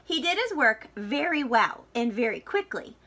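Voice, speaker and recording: A woman whose voice is on the high side reads a picture book aloud to young listeners. She handles it as a teacher would, with expressive and deliberate phrasing that leans dramatic.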